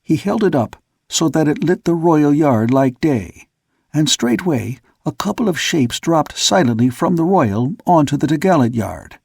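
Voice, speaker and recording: A male audiobook narrator telling the story at a steady, measured pace. His voice is gravelly and husky, set in a dry recording with no room echo. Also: a little high. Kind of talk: scripted narration.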